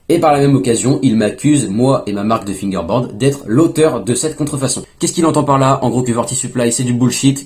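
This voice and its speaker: A young man casually telling a story to his vlog audience, chatty, with quick asides to himself. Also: mid-range voice, darkish tone. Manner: fast, chatty, self-talk asides. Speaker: fingerboard YouTuber.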